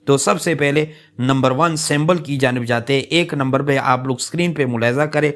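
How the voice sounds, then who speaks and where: A man's voice: medium pitch, moderate pace, fairly bright tone. A man teaching a lecture on English pronunciation, explaining patiently with many fillers, repeating points and stretching out example words.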